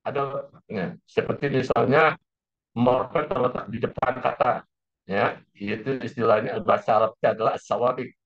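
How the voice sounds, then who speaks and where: A man teaches a class in an even, middle-pitched voice. He explains each point step by step and goes back over key phrases. The recording sounds a little dull and lo-fi. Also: normal speed. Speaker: lecturer. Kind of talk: classroom lecture.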